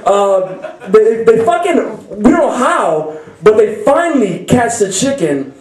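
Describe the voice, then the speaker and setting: A young man from Chicago performing a story on stage at a story slam, animated and profane, often laughing as he talks. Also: sits high, takes it slowly, distant mic. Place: stage before a live audience. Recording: roomy hall with audience laughter. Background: audience laughter.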